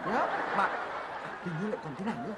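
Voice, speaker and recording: A woman performs a comic skit, talking fast and joking with laughter through her lines. The recording carries steady background noise. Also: mid-range voice. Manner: bantering, bursts of laughter. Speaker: comedy sketch performer. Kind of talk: comic sketch acting. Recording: noisy live recording.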